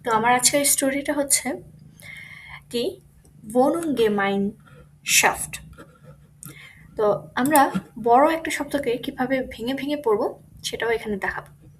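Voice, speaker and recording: A woman teaching German pronunciation in an online lesson, saying each example word again, louder. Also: high voice. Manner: slow, repeats example words loudly.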